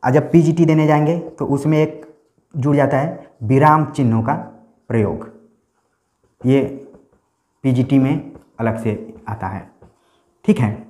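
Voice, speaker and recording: A man's voice: medium pitch, unhurried, pauses often, a little mellow. Man, teacher, exam-prep lecture, explanatory, checks in often, echoey room.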